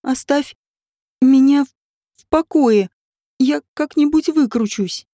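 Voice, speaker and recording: A woman's voice: high-pitched, slow, warm tone, dry recording, studio quality. A woman voicing a grieving, tearful wealthy woman set on revenge, read in an audiobook. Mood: distraught. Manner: tearful and tense. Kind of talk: audiobook character reading.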